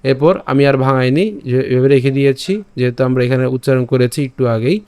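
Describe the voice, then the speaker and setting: A man teaching an online lesson, patiently breaking words down and repeating them slowly, syllable by syllable. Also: mid-range voice, flat delivery, a little mellow, clear, resonant tone, no echo. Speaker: Gita recitation teacher.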